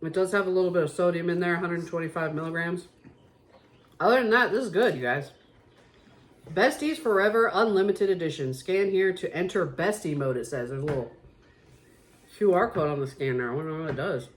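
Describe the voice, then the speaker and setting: A woman hosting a casual food review vlog, chatty and excitable, talking straight to her viewers. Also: lowish voice, a little fast. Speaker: vlog host.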